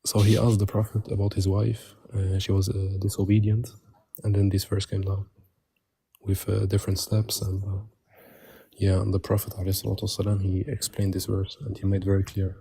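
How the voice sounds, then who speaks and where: In a live religious debate, a man uses a voice changer that leaves him muffled, deep, dark, and husky, with vocal fry. He speaks monotone and brisk, terse and insistent, repeatedly pushing to move on. The recording is dry.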